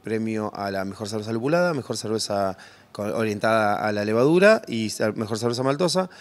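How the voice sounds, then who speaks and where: A man in a festival hall answering interview questions, talking hesitantly with many pauses and fillers. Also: on the low side, lively intonation. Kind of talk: casual interview. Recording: faint ambient noise.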